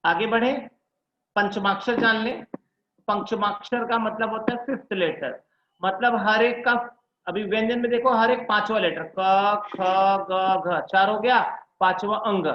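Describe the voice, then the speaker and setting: A Hindi tutor runs an online class, drilling letter sounds one at a time and checking in with his students. His voice sits high and moves at a moderate pace, and the recording has an echoey, dull lo-fi room sound.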